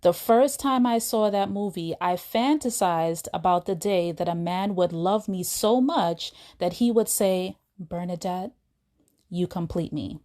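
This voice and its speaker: A woman's voice: medium pitch, a little slow, hardly any pauses, warm tone. A woman hosting her own podcast, retelling a film scene in a casual, chatty way with asides to her listeners. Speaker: podcast host. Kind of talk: casual storytelling monologue.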